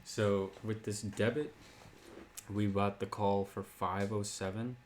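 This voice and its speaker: A man in casual chat, calmly reading out trade prices and profits. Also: on the low side, slow pace, slight background noise. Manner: calm, reading out numbers.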